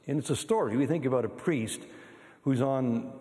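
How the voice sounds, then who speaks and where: A man's voice: mid-range voice, moderate pace, dark tone. An older man, a priest reading and preaching at Mass from a lectern, his voice echoing through a church like a cathedral. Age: older, 60s or above. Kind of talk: scripture reading and homily at Mass. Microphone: gooseneck lectern microphone. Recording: long hall reverb.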